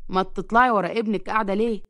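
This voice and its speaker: A woman's voice: medium pitch, steady tone, very fast, fairly bright tone, no echo, studio quality, close to an everyday voice. A woman doing a grumbling old Egyptian father. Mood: resigned. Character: grumbling elderly father, resigned.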